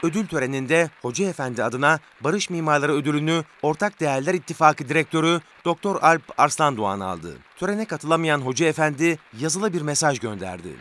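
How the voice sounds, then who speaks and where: A man's voice: a little high, expressive, a little fast, hardly any pauses, background noise. A man reads scripted news narration as a reporter's voice-over.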